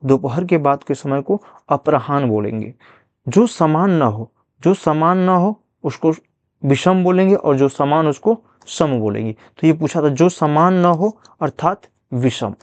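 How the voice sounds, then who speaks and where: A man's voice: fairly high pitch, lively intonation, unhurried, no room sound. A man teaching a Hindi grammar revision lesson, asking questions and then answering them himself, repeating each answer. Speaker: exam prep teacher.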